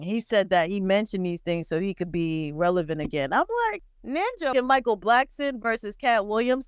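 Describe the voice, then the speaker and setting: A woman co-hosting a podcast, chatting bluntly and profanely about celebrity gossip with lively storytelling. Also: medium pitch, smooth, no room sound. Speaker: podcast co-host. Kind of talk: casual pop-culture chat.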